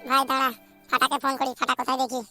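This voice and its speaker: A woman's voice: high voice, monotone, pushed and bright, soft background music, heavily acted. A woman voicing a whiny, crude young unmarried man in a cartoon, chattering and complaining. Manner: fast complaining chatter, full of swearing. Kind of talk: cartoon voice acting.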